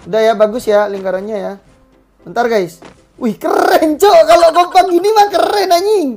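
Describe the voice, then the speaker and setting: Over soft background music, a woman hosting a gaming channel session shouts the same commands at players again and again, cursing casually as she commentates live. Her voice is high, steady and a little mellow, at a moderate pace.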